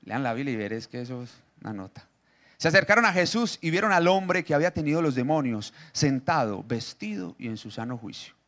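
A man preaching a sermon, reading scripture and joking with the congregation through quick questions. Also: mid-range voice, big pitch swings, fairly bright tone. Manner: jokey, asks the audience questions, reads scripture aloud.

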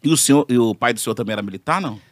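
A man's voice: medium pitch, very fast, no room sound. A male host running a casual interview, reacting eagerly with exclamations.

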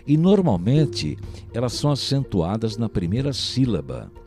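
A man's voice: mid-range voice, big pitch swings, moderate pace, darkish tone, faint music behind. A man with a Brazilian Portuguese accent giving a recorded language lesson, explaining patiently and often checking in with the listener. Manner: patient, explanatory, keeps asking "né?". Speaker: language teacher.

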